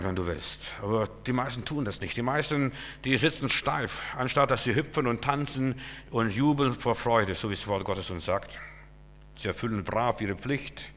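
A man preaching a sermon in a lively, emphatic way, swinging between loud bursts and quiet asides. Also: medium pitch. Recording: long hall reverb.

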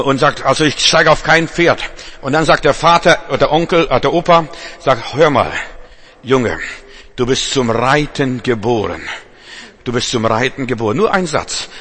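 A male preacher delivers a sermon to a church congregation, speaking emphatically with repetitions and direct address, often stumbling and restarting. His voice is medium-pitched and fairly bright.

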